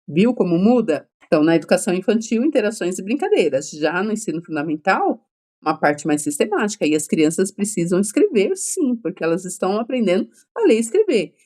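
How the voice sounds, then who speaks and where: A woman's voice: mid-range voice, very animated, a little fast, mellow. Brazilian woman teaching a chatty exam-prep class. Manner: checks in constantly with "tá?" and "né?"; explanatory, conversational teaching. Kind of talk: online exam-prep lecture.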